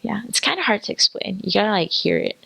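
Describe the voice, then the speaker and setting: A woman from Singapore with a Singaporean accent softened for foreign listeners, explaining casually and a little hesitantly, as if searching for examples. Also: mid-range voice, sing-song, fast talker, creaky, slightly rough, low-quality recording. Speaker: native speaker explaining dialect.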